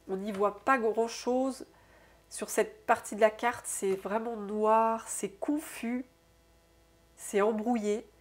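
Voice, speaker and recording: With a cold-clogged, stuffy nose and a mid-range voice, a woman who works as a soul therapist and oracle card reader gives her viewers an intuitive card reading. She muses aloud in a soft, unhurried way, frequently ending her sentences with "hein".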